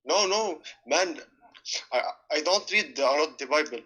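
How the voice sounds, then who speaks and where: A man's voice: on the high side, expressive, moderate pace, bright, forceful tone. A young man from Lebanon calling in to a show over Skype, speaking hesitantly and stumbling over his words. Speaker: caller. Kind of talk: phone-in call.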